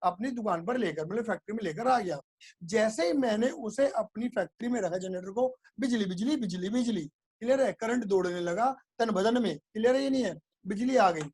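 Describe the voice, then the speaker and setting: Male tutor with a high-pitched voice, playful classroom storyteller, checks understanding constantly. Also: brisk, a little mellow. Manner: playful, keeps asking if it is clear, makes sound effects. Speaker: teacher.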